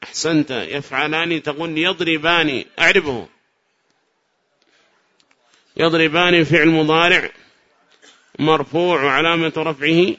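A man teaches a grammar lesson, praising his students' answers and calling on them with questions. His voice sits a little high and sounds bright. The recording is muffled and lo-fi. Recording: dull lo-fi recording.

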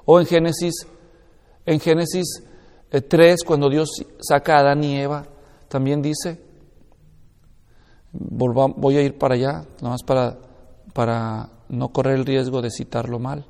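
A man's voice: medium pitch, little pitch movement, unhurried, gravelly, pauses often, darkish tone, big-room sound. A man teaching a Bible class, explaining step by step and often checking whether listeners follow. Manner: explanatory, checks understanding with questions.

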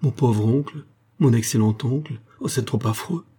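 A man's voice: medium pitch, normal speed, dark tone, breathy edge. A man reading the part of a distraught young man wrongly accused of murder, speaking in an anguished, pleading way, in an audiobook.

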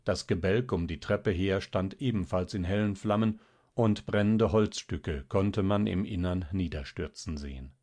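A man narrating a classic novel as an audiobook in a steady, even reading. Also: low-pitched, measured pace. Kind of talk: scripted literary narration.

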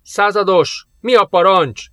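A man's voice: high-pitched, bright, forceful tone, dry recording, voice pushed up. A man reading an audiobook, voicing a panicky young male sergeant calling in over a radio. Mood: panicked. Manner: frantic, stammering alarm.

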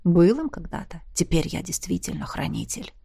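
A woman reading an audiobook, voicing a disembodied male guardian spirit whose hushed, breathy voice is heard inside the narrator's head. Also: fairly low pitch, very animated, normal speed, dry recording, studio quality, pitched below the performer's own voice, heavily acted. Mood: matter-of-fact. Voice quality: hushed, breathy, half-whispered.

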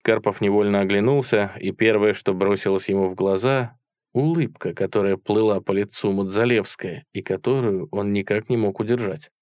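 A man reading a war novel aloud in steady, measured narration. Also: fairly low pitch, no echo, studio quality. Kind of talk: audiobook narration.

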